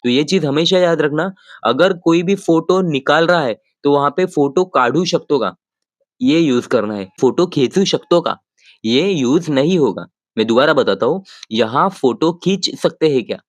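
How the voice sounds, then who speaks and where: A man teaching phrases in a lesson, patiently repeating each sentence slowly and talking straight to his viewers. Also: a little high, animated, no room sound. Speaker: language teacher. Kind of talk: explaining vocabulary in a lesson.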